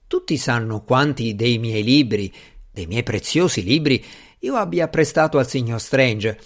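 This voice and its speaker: A fretful, fussy magician, read by a man in an audiobook, possessive and anxious. He pleads and worries in a mid-pitched, everyday voice, with only a light change from plain narration. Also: measured pace. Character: fussy anxious middle-aged male magician. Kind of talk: audiobook character reading.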